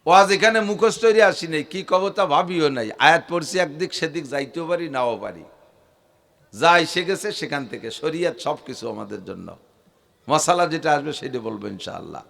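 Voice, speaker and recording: High sharp-voiced preacher guy, fiery sermon, chants arabic verses. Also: expressive, moderate pace, vocal fry. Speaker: Islamic preacher.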